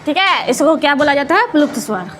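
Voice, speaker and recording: A woman's voice: high voice, animated, a bit bright. A woman teaching Hindi grammar to students, asking questions and answering them herself, repeating each key term and drawing out the example sounds. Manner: drawn-out sounds when showing vowel and consonant examples. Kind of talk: classroom lesson explaining to students.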